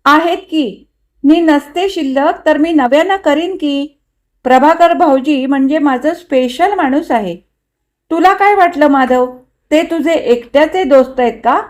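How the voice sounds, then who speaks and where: A woman voicing a lively, eager young married woman in a read-aloud story, speaking in a high, chirpy voice. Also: unhurried. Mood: cheerful.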